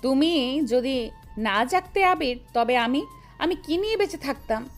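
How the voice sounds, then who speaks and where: A devoted young woman, voiced by a female narrator, speaking softly and slowly in a high, emotional voice. Gentle music plays faintly behind her in this storybook drama. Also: expressive. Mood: tearful. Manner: soft, emotional, slow. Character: young woman, tearful but fiercely devoted lover. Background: faint background music.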